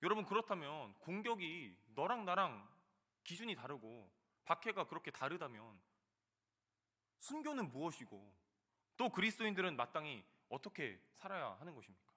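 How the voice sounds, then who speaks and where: A man in his thirties preaching a sermon, telling a personal story with loud emphatic bursts and soft quiet asides. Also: fairly high pitch, big pitch swings, moderate pace. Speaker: junior pastor. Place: church sanctuary.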